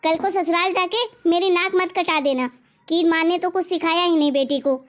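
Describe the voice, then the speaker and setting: A woman's voice: extremely high pitch, fairly even intonation, normal speed, highs cut off. A woman voicing a strict, nagging middle-aged mother in a cartoon story, lecturing and scolding.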